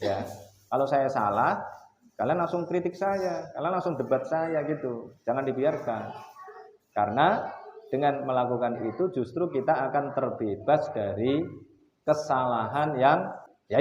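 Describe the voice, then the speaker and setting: A middle-aged man, lecturing his students in a casual, animated way. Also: medium pitch, slight background noise. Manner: animated storytelling, acts out quotes loudly. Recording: echoey, slightly dull room recording.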